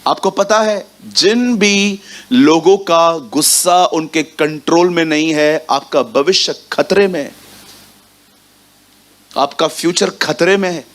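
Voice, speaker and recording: A male preacher gives a sermon to a church congregation, his voice sitting a little higher than most men's. He is lively and engaged, and he keeps turning to the listeners with direct questions as he speaks. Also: slow.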